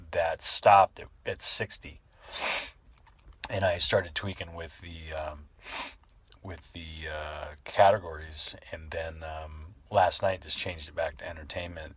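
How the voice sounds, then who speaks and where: Casual male vlogger, low-pitched and unhurried, rambles off the cuff with sneezes between remarks. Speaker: video creator. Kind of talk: casual rambling vlog talk.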